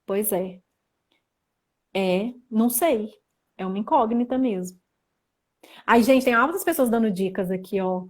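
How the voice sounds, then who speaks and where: Young Brazilian woman, chatty livestream teacher, medium pitch, talking to viewers through a phone mic. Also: unhurried, long pauses. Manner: chatty, reads viewer comments aloud, animated. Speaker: livestream host teaching Mandarin. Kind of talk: casual livestream lesson.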